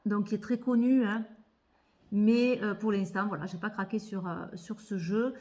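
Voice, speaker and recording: This tarot and oracle card vlogger speaks at a normal speed in a warm, medium-pitched voice with fairly even intonation. Her haul chat about tarot decks is casual, and she thinks out loud, repeating words as she hesitates.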